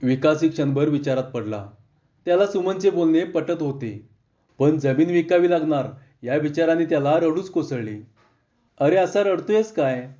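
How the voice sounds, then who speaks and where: A man's voice: a little high, lively intonation, moderate pace, warm tone, roomy sound, highs cut off. A man narrating a heartfelt village story, reading all the characters' dialogue himself. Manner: reads every character's dialogue himself with small voice shifts.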